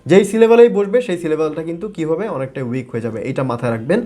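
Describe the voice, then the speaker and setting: A man's voice: on the high side, sing-song, racing, warm tone. A man from Bangladesh, a native Bengali speaker, teaching English pronunciation in a video lesson, repeating and modeling words with frequent fillers.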